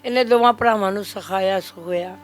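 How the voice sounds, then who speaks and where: A woman's voice: mid-range voice, fairly quick. An older woman, the mother of a victim, speaks with a strong Punjabi accent. She is grief-stricken and pleads, repeating herself as she talks. Faint music sits behind her voice. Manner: pleading, repetitive, emotional. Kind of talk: grieving testimony to a reporter.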